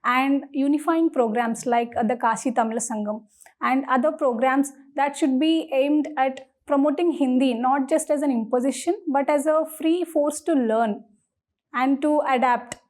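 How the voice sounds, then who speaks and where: A woman's voice: sits high, normal speed, a little mellow. An Indian-accented woman answering formally and deferentially in an interview, with some hesitancy. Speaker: candidate in mock civil service interview.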